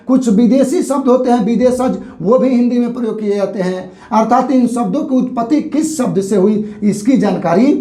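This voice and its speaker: A male teacher giving a grammar lesson at a board, explaining slowly and repeating each point with a check-in. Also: very high-pitched, warm tone. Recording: echoey room.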